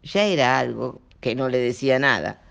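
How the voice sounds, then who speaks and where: A man, reading a children's story aloud as an expressive storyteller. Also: medium pitch, moderate pace, vocal fry, highs cut off. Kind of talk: audiobook narration.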